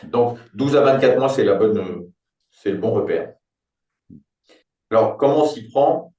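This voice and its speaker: A man's voice: medium pitch, animated, measured pace, dark tone, muffled recording. A man in his sixties, a business consultant, explaining his thinking in a reflective, conversational way with everyday examples. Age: 60s. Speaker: business turnaround consultant, company founder. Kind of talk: conversational interview. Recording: roomy, distant mic.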